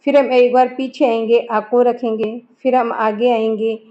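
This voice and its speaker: A woman's voice: fairly high pitch, little pitch movement, unhurried. A woman teaching a grammar lesson, explaining step by step and asking and answering her own questions. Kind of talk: classroom lesson. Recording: dull lo-fi recording.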